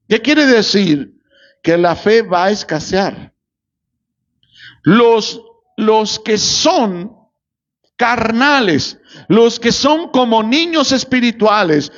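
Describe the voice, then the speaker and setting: A man's voice: sits high, muffled recording. A man preaching a sermon as pastor, posing rhetorical questions and answering them himself, and calling on the congregation for amens.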